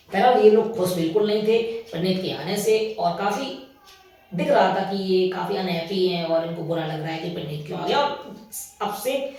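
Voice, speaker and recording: A man's voice: high-pitched, a little mellow. Opinionated guy ranting thru a reality show recap, sounds far off in a big echoey room. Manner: opinionated, scolding, repeats filler "anyway". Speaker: reaction show host.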